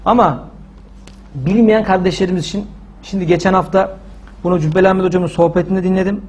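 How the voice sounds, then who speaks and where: A male preacher gives a sermon at full volume, driving his points home by shouting. His voice sits high and has a husky grain. He slows down to stretch key words for weight. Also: steady tone. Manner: loud, forceful, shouting preaching.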